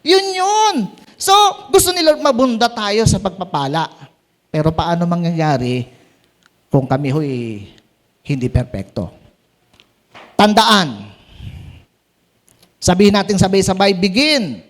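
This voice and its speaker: A man preaching at a prayer meeting, animated, asking the congregation questions and joking with them. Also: high voice, measured pace, long pauses. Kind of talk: Tagalog sermon at a prayer meeting. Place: church meeting room.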